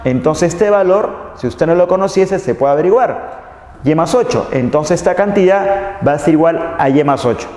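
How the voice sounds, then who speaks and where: A man's voice: a little high, animated, normal speed, darkish tone. Male math teacher, patient and repetitive, quizzing the class; roomy classroom echo. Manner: patient, repeats key phrases, asks students questions. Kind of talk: recorded math lesson. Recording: echoey room with long reverb.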